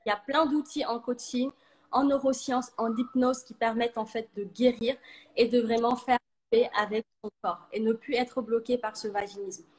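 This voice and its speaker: A woman coach speaking earnestly in short, halting phrases, her voice breaking up over a choppy live video stream from a phone. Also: fairly high pitch, rough recording. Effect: choppy live-stream audio cutting in and out. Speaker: coach for women. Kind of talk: live video chat testimony. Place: at home on a noisy street with roadworks.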